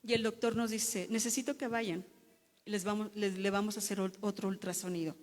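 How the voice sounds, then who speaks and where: A woman's voice: mid-range voice, fairly even intonation, brisk, big-room sound. A woman giving an emotional church testimony as a pastor's wife, telling her story with repetitions and restarts.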